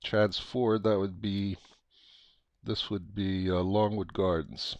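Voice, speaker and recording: Halting American man, slightly low voice. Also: flat delivery, a little mellow, no room sound, dull audio. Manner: halting, thinking aloud with digressions. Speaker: software tutorial presenter. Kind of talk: unscripted screencast tutorial, casual explaining.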